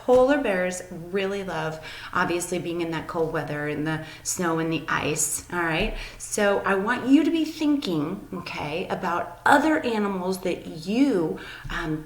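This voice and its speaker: A woman teacher giving an upbeat, chatty daily video lesson to young students, with many ums. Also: medium pitch. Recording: echoey room.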